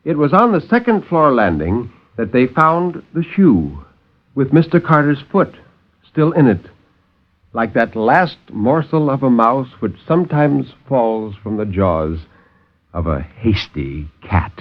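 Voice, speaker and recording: A man, serving as storyteller and co-host, theatrically reads a horror story in a literary 1950s radio style. His medium-pitched voice is sing-song and slow, heard on a muffled old recording with music.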